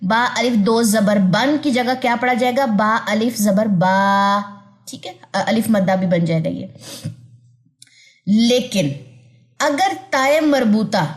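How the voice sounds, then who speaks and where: Woman teacher giving a patient, repetitive recitation lesson, with slow careful demonstrations of letter sounds. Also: mid-range voice, darkish tone. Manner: patient, repeats points and checks understanding with "theek hai?". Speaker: Quran tajweed teacher. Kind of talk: online tajweed lesson.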